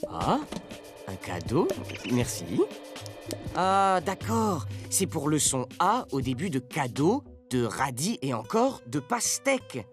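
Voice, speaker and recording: A man playing an excitable male puppet presenter in a children's educational show, talking in a dramatic, exclamatory way. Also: a little high, takes it slowly, over music, exaggerated voice. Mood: flustered. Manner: exclamatory, sing-song, dramatic.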